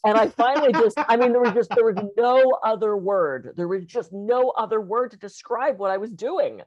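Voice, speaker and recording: A woman's voice: fairly high pitch, animated, normal speed, a little mellow, no room sound. Woman coach ranting candidly, swears a lot, dull lo-fi dry audio. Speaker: podcast co-host and coach. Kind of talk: casual chat.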